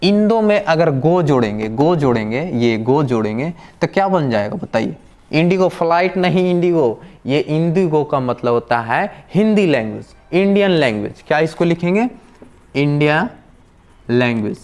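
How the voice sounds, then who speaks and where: A man's voice: a little high, lively intonation, moderate pace, a little mellow. Male teacher drilling questions and answers. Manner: patient, step-by-step explaining. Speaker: language teacher. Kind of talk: classroom-style vocabulary lesson.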